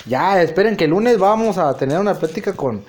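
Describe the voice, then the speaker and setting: A man's voice: high-pitched, expressive, a little fast, a little mellow. A man, hosting a podcast and telling rambling stories full of crude slang. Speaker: podcast host. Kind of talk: casual storytelling monologue.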